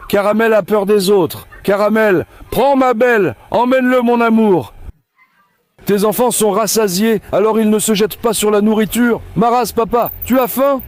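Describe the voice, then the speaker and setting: Outdoors on a farm with dog kennels, a dog breeder narrates a casual vlog while feeding his dogs, calling each one with coaxing, affectionate words. His voice is high-pitched and unhurried, with no echo.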